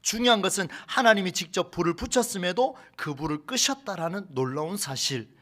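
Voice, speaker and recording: A man preaching a Sunday sermon as a pastor in a church, animated, with rhetorical questions and acted-out quotes. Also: sits high, a little fast. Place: church sanctuary.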